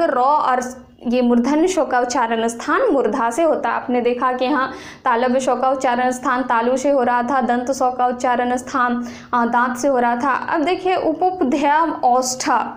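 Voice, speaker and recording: A young woman with a Bihari accent and a high voice teaches a grammar lesson, slowly repeating the rules and asking the viewer questions.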